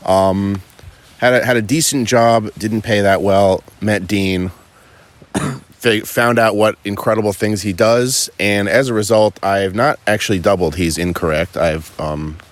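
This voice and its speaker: A man's voice: on the low side, a little slow. A man who is a podcast guest, telling stories in a cheerful, chatty way. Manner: upbeat, laughing, storytelling. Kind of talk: casual podcast chat. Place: at a home property in California.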